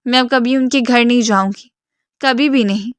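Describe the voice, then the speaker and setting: A devoted young woman pleads softly in a storybook reading, a woman acting her out. Her voice is slightly high and dry. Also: clear, resonant tone, no room sound, natural voice. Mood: pleading. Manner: pleading, soft. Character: young woman, twenty-one, devoted and tearful.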